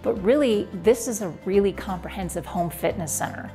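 A woman's voice: mid-range voice, moderate pace, mellow. Upbeat woman in her forties, chatty vlog host talking to camera on a lapel mic, faint music under her. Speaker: fitness vlogger. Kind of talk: home room tour vlog. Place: basement home gym, indoors.

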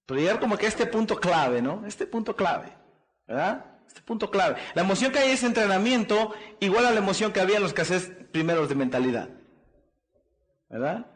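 A man's voice: sits high, lively intonation, a little fast. A man speaking as a motivational speaker at a seminar, preaching in repeated rousing phrases and prompting the audience with questions. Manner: preachy call-and-response, asks the crowd "¿qué?" and "¿verdad?"; repetitive rousing delivery.

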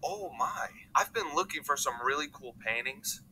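A man chats loosely to his camera in a casual vlog. His voice is very bright and sharp, and he rambles and cracks jokes as he goes, tossing in "bro" often. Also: a little high, expressive, moderate pace, slight background noise, rough recording. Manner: rambling, joking, says "bro" a lot. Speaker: vlogger.

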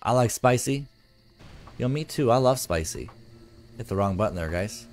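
A man's voice: mid-range voice, lively intonation, moderate pace, darkish tone, faint music behind. A man live streaming, chatting casually with his viewers, swearing freely and reading their comments aloud. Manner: loose, profane, reads chat comments aloud.

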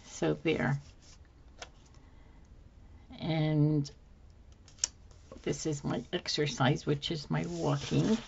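A slightly hoarse woman with a low, a little mellow, unhurried voice thinks aloud with fillers while decorating planners at an indoor desk for her channel. The overhead camera shows only her hands, and the audio is a bit dull and lo-fi with slight background noise.

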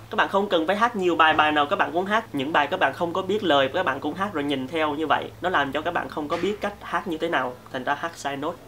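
A man's voice: fairly high pitch, bright, forceful tone, a little hiss or hum. A man giving a casual singing lesson, chatty and joking as he talks straight to his viewers. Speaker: singing teacher.

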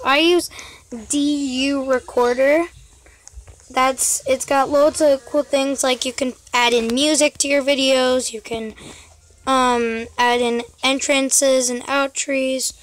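A woman's voice: high voice, fairly bright tone, slight background noise. A young woman casually commentating her gameplay for her channel, chatty and constantly calling out to her viewers. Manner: chatty, keeps addressing viewers as guys. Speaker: gaming channel host.

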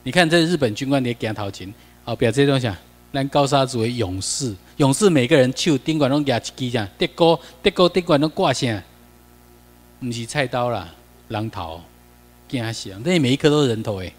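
A man's voice: medium pitch, animated, moderate pace, in a large hall. A man with a Taiwanese accent giving a classroom lecture over slides. He talks in a chatty way, mixes in Taiwanese phrases and keeps asking the class questions.

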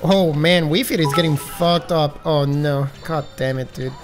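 A man streaming a game, commentating casually with an accent, excitable, gasping and shouting, swearing freely. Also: on the high side, unhurried, faint music behind. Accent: some accent. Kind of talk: live gaming stream commentary.

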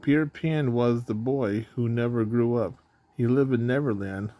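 A man with a voice of ordinary pitch reads a children's storybook aloud. His reading is plain, with small slips that he stops to correct. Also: moderate pace, warm tone, no room sound. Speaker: storybook reader.

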